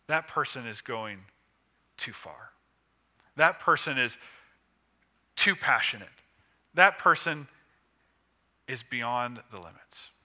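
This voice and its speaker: Bright-voiced male preacher, slow and emphatic. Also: mid-range voice. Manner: emphatic, measured phrasing with pauses. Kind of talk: sermon.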